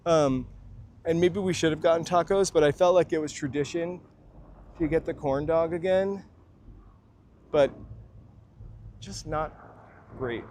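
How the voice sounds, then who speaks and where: A man's voice: a little high, a little mellow. A man livestreaming a city walk outdoors, chatting casually to his viewers in rambling asides and a little out of breath. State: slightly out of breath from walking. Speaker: walking tour livestreamer. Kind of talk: casual live walking vlog. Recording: faint street noise behind.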